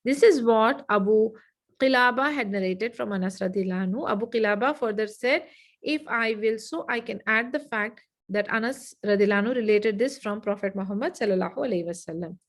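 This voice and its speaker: A woman leads an online lesson, speaking in a somewhat high voice. She dictates slowly and repeats phrases so her students can take notes. The sound comes through a video call. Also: low-quality recording. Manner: slow, repetitive dictation with frequent "okay". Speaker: Islamic studies teacher.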